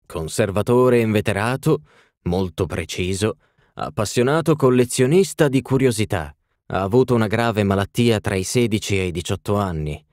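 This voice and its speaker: A man voicing a fussy little male palm reader who pronounces readings in a measured, ceremonious way. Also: lowish voice, a little mellow, no echo, clean studio sound, natural voice. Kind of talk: audiobook reading.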